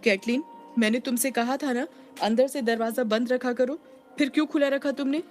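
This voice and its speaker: A woman's voice: mid-range voice, moderate pace, soft background music, lightly acted. A woman voicing a mother of a young girl, affectionate with her daughter but firm when ignored. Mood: scolding.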